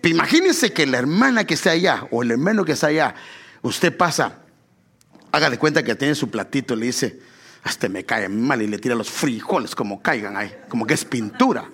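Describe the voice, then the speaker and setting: Middle-aged pastor guy preaching, kinda husky, pitch jumps all over. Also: brisk. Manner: animated preaching with quoted asides and laughs. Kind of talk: sermon.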